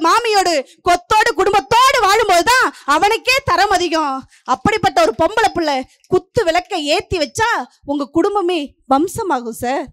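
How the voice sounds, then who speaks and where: A woman's voice: very high-pitched, fairly bright tone, no echo, clean studio sound. A middle-aged woman from Puducherry giving a stage debate speech, declaiming in rhythmic parallel lines and pressing her point. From Puducherry, India. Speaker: debate speaker.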